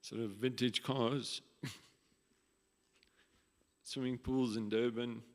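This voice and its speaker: Flat-toned man reminiscing in a hall. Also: medium pitch, takes it slowly. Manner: reflective storytelling, some restarts. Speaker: nephew giving memorial tribute. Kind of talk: memorial speech. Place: hall at a memorial gathering. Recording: long reverb of a hall.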